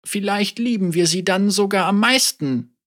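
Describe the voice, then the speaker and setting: A storybook reader voicing an elderly woman, a teacher and mother, wry, calm and gently teasing. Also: medium pitch, normal speed, pitched above the performer's own voice, lightly acted.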